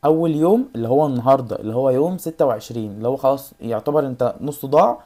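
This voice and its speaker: A woman's voice: a bass voice, mellow. A woman with an Egyptian Arabic accent giving study advice in a casual vlog, talking straight to the viewer and reassuring them over and over. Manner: rapid, addresses the viewer directly, repeats reassurances. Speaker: YouTuber giving exam study tips.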